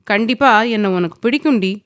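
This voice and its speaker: A woman's voice: fairly high pitch, expressive, fairly quick, no echo, studio quality, pitched above the performer's own voice, lightly acted. A woman voicing a domineering, possessive young man who speaks firmly and commandingly, sometimes teasing.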